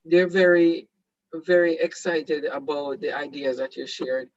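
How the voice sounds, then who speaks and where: A Jamaican man, a native Patois speaker, hosts an online seminar in a slightly high voice with fairly even intonation and a little slow pace. He's hesitant, packed with ums, fillers and restarts. The recording is dry and a bit muffled.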